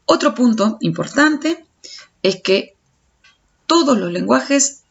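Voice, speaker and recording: A woman's voice: a little high, animated, slow, vocal fry, breathy edge. A woman teacher giving a recorded audio lecture, explaining step by step and stumbling over restarts. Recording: dull lo-fi recording.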